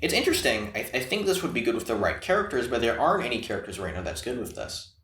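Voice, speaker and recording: A man co-hosting a casual chat about game design, talking in an animated, rambling way. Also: fast talker, echoey room. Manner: animated, rambling, bouncy pitch. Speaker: podcast co-host.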